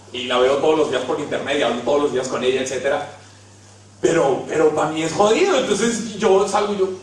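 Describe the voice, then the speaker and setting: High-voiced Colombian preacher in an echoey hall. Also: male voice. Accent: Colombian Spanish. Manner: storytelling, self-mocking, swings from hushed to loud. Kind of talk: humorous sermon. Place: large hall. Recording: very echoey hall, mic at a distance.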